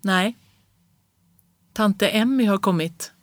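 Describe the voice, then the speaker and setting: A reader doing an ailing wife, worn out and short with her husband, her replies clipped and tired. The voice is mid-pitched and dry, close to the mic. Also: no room sound, lightly acted. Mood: weary. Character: ill, weary woman, cold toward husband. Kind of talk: audiobook reading of classic prose.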